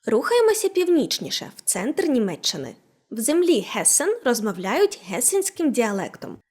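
Lively woman teaching a language lesson. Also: a little high, moderate pace. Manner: animated, clearly enunciated explanations. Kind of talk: scripted lesson narration.

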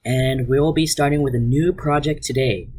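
A man's voice: mid-range voice, fairly even intonation, normal speed, a little mellow, husky. A man teaching an online art class, explaining slides to his students in an upbeat way. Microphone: voice-over on slides.

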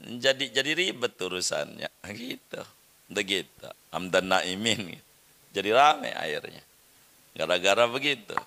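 A man's voice: on the low side, very animated, a little slow, creaky, pushed and bright. A middle-aged man teaching a religious study lecture, repeating words and drilling Arabic pronunciation for his listeners. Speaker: Islamic teacher.

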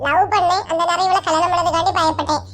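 Bossy, taunting young husband with a Kanyakumari Tamil accent, voiced by a woman, high and quick. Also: steady tone, fairly bright tone. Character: hot-tempered young husband.

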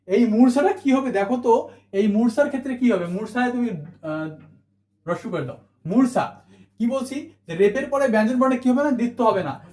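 A teacher works through spelling rules for exam students, repeating each point and answering their own questions. The voice sits at a middling pitch and rings in an echoey room. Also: darkish tone. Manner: mixes English words into the talk. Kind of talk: admission exam spelling lesson.

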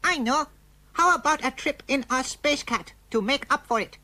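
A man voicing a friendly young alien space boy who talks in a slow, stiff, precise way without contractions. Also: very high voice, bright, forceful tone, pitched above the performer's own voice, exaggerated voice. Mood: formal.

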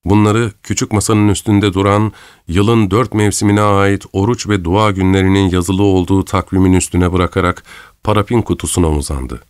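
A man reading an audiobook aloud in measured, dramatic scripted narration. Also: low-pitched, fairly even intonation, smooth, no room sound, studio quality. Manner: measured, dramatic storytelling, voicing characters' lines lightly.

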